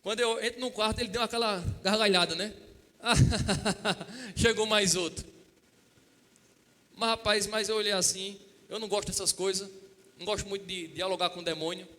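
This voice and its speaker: A man's voice: high-pitched, brisk, long reverb tail. A middle-aged man preaching a storytelling sermon, acting out dialogue and often asking the congregation for an amen. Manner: asks the congregation "Amém?" and "Quem entende?"; lively retelling with acted-out dialogue. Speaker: pastor.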